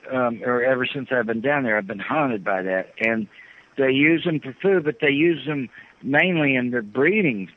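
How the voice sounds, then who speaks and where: A man calling in to an interview over a phone line, talking in a halting, earnest way and often repeating himself. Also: medium pitch. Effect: phone line, heard over the phone. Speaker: phone-in guest. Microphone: telephone, satellite phone. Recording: tinny narrow-band phone line.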